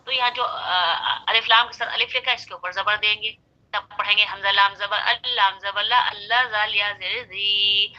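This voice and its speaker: Bright-voiced woman teaching recitation slowly. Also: on the high side, dull audio. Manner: patient, spells syllables slowly and repeats them. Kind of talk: spelled-out Quran recitation lesson.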